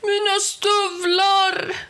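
A woman reading a storybook aloud, voicing a loud, taunting villainous male Christmas gnome chief. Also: fairly high pitch, close to an everyday voice. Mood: bellowing.

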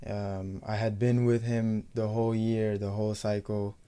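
A young adult American professional footballer answers questions in a casual interview, fairly low-voiced and quite flat in pitch. He speaks in a measured, matter-of-fact way, his tone soft and mellow, clear and resonant.

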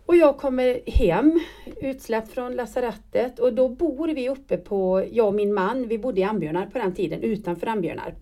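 A woman's voice: on the high side, hardly any pauses, mellow. A middle-aged woman telling a personal story in casual conversation, often stopping and restarting as she searches for words. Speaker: guest.

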